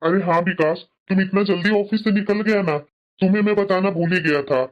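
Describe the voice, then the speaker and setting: A woman putting on a deep-voiced bossy office boss. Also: fairly quick, lightly acted. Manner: commanding, casual. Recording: dull lo-fi sound, off-mic.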